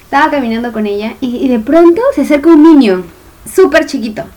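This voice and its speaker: Young girl chatting w her friend, teasing, kinda high voice. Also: brisk, noisy background. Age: young adult. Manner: teasing, animated storyteller, acts out quotes. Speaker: podcast co-host. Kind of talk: casual chat between friends.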